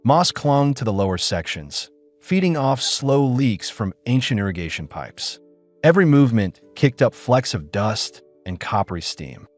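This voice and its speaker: An audiobook narrator with a low voice tells a story in a scripted, dramatic style, his pitch rising and falling in a lively way. Faint music plays behind him.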